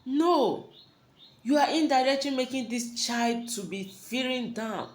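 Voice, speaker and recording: A woman's voice: high voice, steady tone, a little slow. A woman giving parenting advice, earnest and preachy, asking rhetorical questions and repeating her warnings. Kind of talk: advice talk to camera. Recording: roomy echo.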